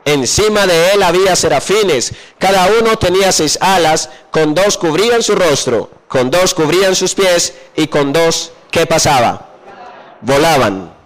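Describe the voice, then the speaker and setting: A man preaching a sermon, often pausing mid-verse to ask his listeners what comes next and slowing down to drop low on key phrases. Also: expressive, poor audio. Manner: asks the congregation questions and pauses for answers.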